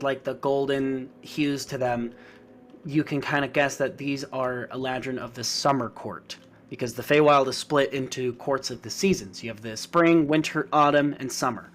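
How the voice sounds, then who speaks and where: A man's voice: mid-range voice, steady tone, moderate pace, fairly bright tone. Rambling man running a tabletop game. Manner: rambling, many fillers. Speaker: game master.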